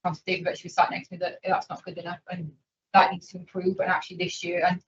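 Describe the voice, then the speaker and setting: Halting woman speaking off the cuff. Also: on the low side, monotone. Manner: halting, with many restarts. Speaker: councillor reporting on safeguarding. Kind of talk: unscripted remarks in a council meeting. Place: council meeting room. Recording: distant, muffled meeting mic.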